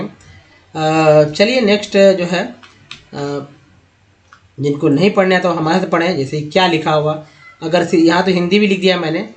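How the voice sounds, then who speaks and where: A male English teacher with a slightly high voice leads a slide-based reading lesson. He spells words letter by letter, then sounds them out slowly, speaking to viewers as if they were friends.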